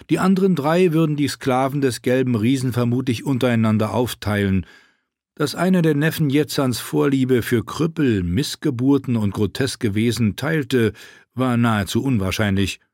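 A male narrator reads a fantasy novel in a steady, measured tone. His voice sits at an ordinary pitch. The recording is dry and close, with no room sound. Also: dry recording. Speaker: audiobook narrator. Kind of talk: scripted narration of fantasy fiction.

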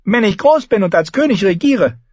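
A man reading an audiobook, voicing a petulant, demanding boy king in a high, whiny voice. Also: expressive, moderate pace, a little mellow, no echo, dull audio. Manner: whiny, insistent, pitched up high.

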